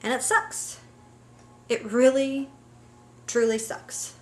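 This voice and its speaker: A woman's voice: high voice, little pitch movement, slow pace. A woman vlogger talking casually to camera in a personal, unscripted way.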